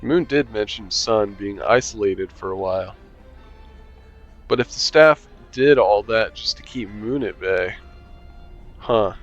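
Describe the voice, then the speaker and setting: A game streamer with a fairly low voice reads a visual novel aloud at a measured pace with long pauses, adding dry, sarcastic commentary and casual swearing. The highs are cut off, and soft music plays in the background.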